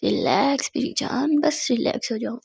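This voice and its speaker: A woman's voice: a little high, normal speed, gravelly, a little mellow, slightly rough, full character voice. A woman voicing a teasing, coaxing young woman. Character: playful, teasing young woman, calm and affectionate.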